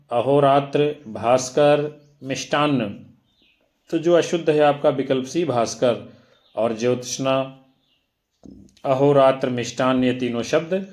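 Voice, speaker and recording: A male teacher talks through exam questions at a very slow, measured pace. He reads each option aloud one at a time, then explains the right answer, at a mid-range pitch. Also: darkish tone. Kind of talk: exam-prep lesson.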